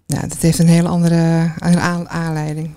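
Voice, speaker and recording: A panelist on a talk show, speaking in a nervous but measured way. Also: medium pitch, monotone, warm tone, smooth.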